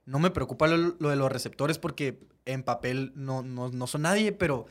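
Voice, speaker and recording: A man's voice: medium pitch, moderate pace. A man with a Mexican accent giving casual, blunt sports analysis as a panelist, using slang.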